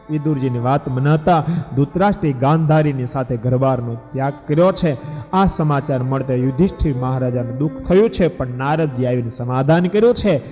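A man's voice: fairly high pitch, a little mellow. A man telling a devotional scripture story as a sermon, dramatic and emphatic, addressing the devotees. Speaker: religious storyteller preacher. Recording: echoey hall, dull lo-fi, faint music.

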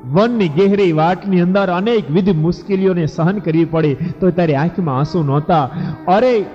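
A man's voice: sits high, normal speed, a little mellow, voice pushed up, lightly acted. A man voicing a worried elder king who asks his weeping brother pleading, rising questions. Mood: anxious. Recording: echoey hall, dull lo-fi, faint music.

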